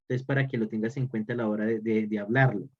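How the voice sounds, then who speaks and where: A man with a fairly low, steady voice talks fast while teaching an online religious formation class, repeating key phrases for emphasis. He's on a video call, and the audio sounds dull and lo-fi.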